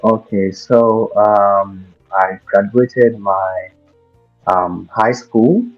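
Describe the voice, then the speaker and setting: A man's voice: fairly low pitch, steady tone, very slow, highs cut off, soft background music. A man in his twenties from Ghana with a Ghanaian accent, a guest telling his story with many fillers and restarts. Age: 20s. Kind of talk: casual interview.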